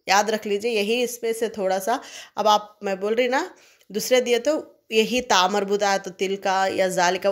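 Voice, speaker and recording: Speaking at a medium pitch, a woman teacher leads an exam revision lesson one step at a time, asking her students questions and then answering them. She says "okay?" frequently to check they're following.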